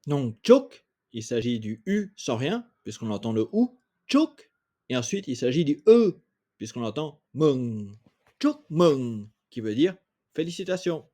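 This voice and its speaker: Lively-voiced male language teacher. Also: mid-range voice. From France. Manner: patient, sounds out each vowel slowly and repeats it. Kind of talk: explaining pronunciation in a lesson.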